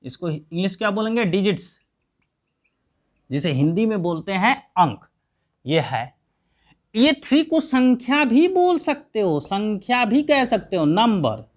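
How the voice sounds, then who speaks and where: Male math teacher, slow delivery, animated pitch, repeats his own questions. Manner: repeats questions and answers them himself; slow, counting aloud step by step. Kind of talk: classroom lesson.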